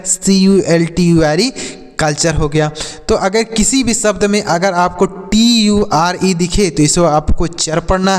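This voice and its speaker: A man's voice: high-pitched, smooth, big-room sound. A man teaching English spelling and pronunciation, spelling words letter by letter, addressing children and answering his own questions. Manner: asks questions then answers them himself.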